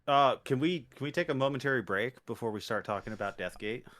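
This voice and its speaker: A man's voice: mid-range voice, quick pace, fairly bright tone. A man co-hosting a podcast, chatting in an easygoing way and cursing casually. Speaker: podcast co-host. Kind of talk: casual chat.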